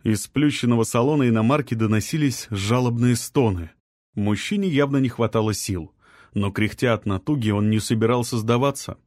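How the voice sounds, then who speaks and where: A male audiobook narrator reads scripted narration in a measured, even storytelling style. His voice is medium-pitched, and the recording is dry with studio quality.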